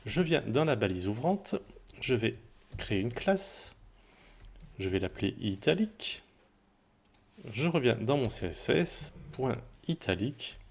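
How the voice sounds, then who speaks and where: A man explaining a coding tutorial in a relaxed, chatty way, with small asides and self-corrections. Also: medium pitch, a little slow, creaky, pauses often, husky. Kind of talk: screen-recorded coding tutorial.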